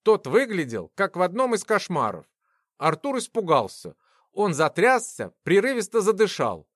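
A man reads a fantasy novel aloud with expressive, story-driven delivery. His voice sits fairly high and moves in a lively way through each sentence. The recording is close and completely dry. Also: moderate pace, dry recording. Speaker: audiobook narrator. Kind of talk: scripted fantasy narration.

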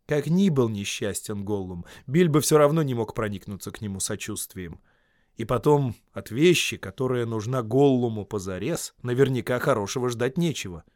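Male narrator, audiobook fantasy reading, lively melodic delivery, dry close mic. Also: medium pitch, moderate pace, no echo. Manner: expressive storytelling, dramatic shifts in loudness. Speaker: audiobook reader. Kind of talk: scripted narration.

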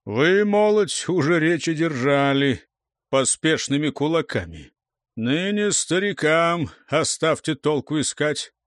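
A man voicing a good-natured older man who slowly hushes and admonishes young people in an audiobook. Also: a little high, animated, dry recording, studio quality. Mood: admonishing. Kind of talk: audiobook character voice.

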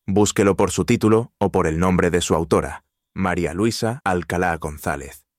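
A man reading a scripted radio sponsor message in a measured, formal way. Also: sits low, dry recording, studio quality. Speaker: sponsor announcer.

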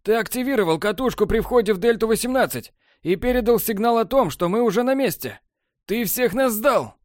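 A man voicing a shocked, desperate male stalker whose voice rises high and strained. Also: expressive, moderate pace, clean tone, no room sound, studio quality. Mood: anguished. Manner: raised, strained, high-pitched outcries.

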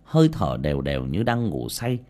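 A man narrating a scripted horror story in a dramatic, expressive way. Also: a bass voice, normal speed. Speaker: audiobook narrator.

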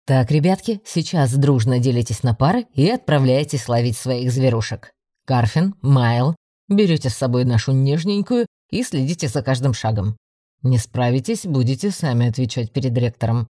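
A bossy, brisk male teacher of magic, acted by a man hands out tasks with a joking edge. His voice is dark and mellow, recorded close and dry. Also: medium pitch, expressive, dry recording, close to an everyday voice. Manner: brisk, commanding.

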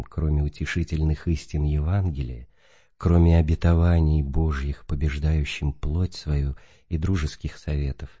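Man, very deep dark voice, solemn reading of a spiritual letter, dull lo-fi recording. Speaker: reader.

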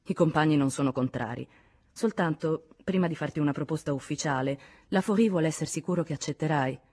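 A woman's voice: low voice, a little fast, a little mellow. A woman reading an impassioned male activist. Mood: urgent. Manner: insistent, reproachful, heated. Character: vehement middle-aged male communist activist.

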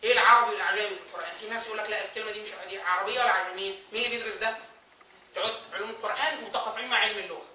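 His high voice stays steady yet sharp as he talks rapid-fire through a classroom lecture, asking the class questions and answering them himself. He has an Egyptian Arabic accent, and the recording comes from a distance in an echoey room with a little hiss or hum.

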